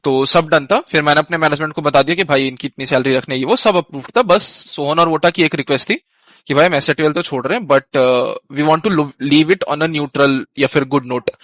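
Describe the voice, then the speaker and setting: Speaking at a moderate pace in a slightly high, somewhat bright voice, a man who manages an esports team recounts a squad dispute on a live stream. He talks conversationally in Hinglish, with fillers and restarts, and there's no echo.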